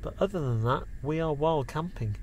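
A man's voice: on the high side, lively intonation, moderate pace, slight background noise. A man casually narrating a camper van travel vlog, pointing out the sights around him. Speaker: vlogger. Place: outdoors on a windy hilltop and inside a camper van.

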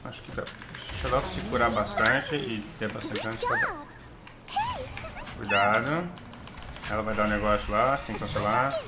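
A man's voice: on the low side, wildly swooping pitch, normal speed, pauses often, roomy sound. A man with a Brazilian Portuguese accent chatting casually and giving callouts while streaming a video game. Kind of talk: casual gameplay chat and callouts. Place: small indoor room at home. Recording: clear game noise behind the voice.

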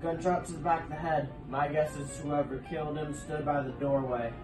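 A man's voice: fairly high pitch, steady tone, brisk, close to an everyday voice. A man playing a veteran police officer, an old friend of the detective, talking in a matter-of-fact, laid-back way in a noir radio drama. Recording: echoey room, distant, music behind.

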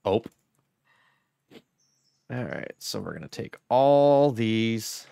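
A man's voice: fairly low pitch, very animated, slow, gravelly, warm tone, dry recording. A man giving chatty, joking commentary on a live gameplay stream and greeting viewers. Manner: joking, chatty, talks to chat. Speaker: game streamer.

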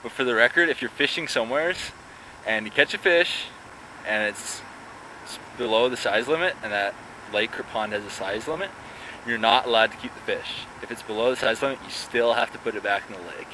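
A young guy vlogs about fishing outdoors at a pond, camera at arm's length, rambling along casually. He speaks fairly quickly in a medium pitch, with faint outdoor sounds in the background.

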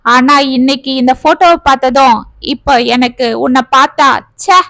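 A woman's voice: sits high, moderate pace, a bit bright, dry recording. Anxious, pleading middle-aged father, read by a woman narrator; family storybook voice, dry close recording. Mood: distraught. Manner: pleading, worried.

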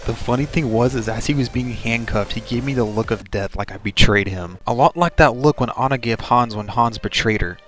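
A man's voice: medium pitch, fairly quick, hardly any pauses, fairly bright tone. A man narrating a casual comedic story in a sarcastic manner. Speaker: storytelling gaming video narrator. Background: music.

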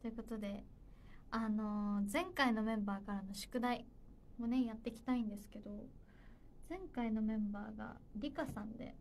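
A woman's voice: on the high side, fairly even intonation, moderate pace, a little hiss or hum. A young woman hosting a casual livestream, chatty and a little nervous, giggling as she reads viewer comments. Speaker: idol livestream host.

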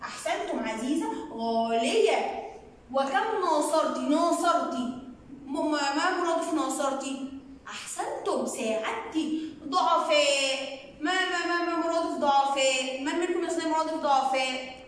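Encouraging high-voiced woman teacher, echoey. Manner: encouraging, praises often, asks quick questions; stretches out key words slowly for emphasis. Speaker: primary school Arabic teacher. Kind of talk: classroom lesson for young children. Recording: very echoey room, distant mic, faint noise.

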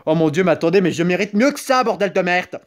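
A young man, Italian by first language, talks over his mobile gameplay in a high, light voice. He rambles, jokes and breaks into sudden excited yelps between quick asides. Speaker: gaming YouTuber. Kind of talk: joking gameplay commentary.

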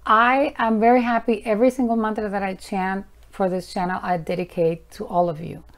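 A woman's voice: mid-range voice, darkish tone. A woman teaching about mantra chanting in a casual, earnest talk to camera, frank and sometimes firm with her viewers.

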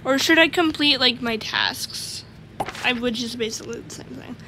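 A woman's voice: on the high side, normal speed, sharp tone, slight background noise. A woman giving casual gameplay commentary, rambling as she lists items aloud and giggles often. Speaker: gamer.

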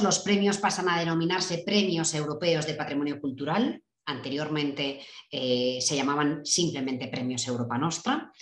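A woman's voice: low voice, echoey room. A woman giving an online conference talk over a video call, hesitant with many fillers. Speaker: director general giving a keynote talk.

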